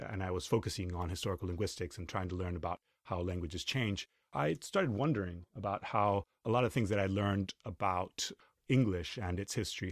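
A man from Chile talks through his research in an interview, thoughtful and academic. His voice sits very low. The recording is dry and close, with no room sound. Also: dry recording. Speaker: linguist, interviewee. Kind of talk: explanatory interview answers.

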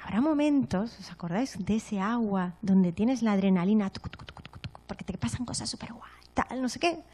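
A woman gives a motivational talk to an audience in a medium-pitched voice, speaking a little fast. She tells stories, acts out lively moments, and often checks in with short tag questions. Slight background noise is audible.

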